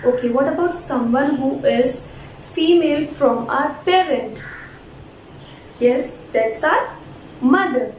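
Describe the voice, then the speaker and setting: Woman, phonics teacher, high voice, deliberate word-by-word enunciation, call-and-repeat prompts, roomy echo. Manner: deliberate spelled-out enunciation, sounding words out for repetition. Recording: roomy echo, distant mic, faint noise.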